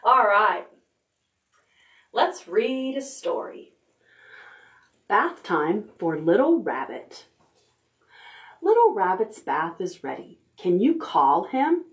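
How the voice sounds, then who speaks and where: A middle-aged woman runs a library storytime for toddlers, reading aloud and giving instructions for action rhymes in an exaggerated, sing-song way. Her mid-range voice is slow, with frequent pauses. The room has stuffed animals and a painted backdrop, and the recording has roomy echo with music at times.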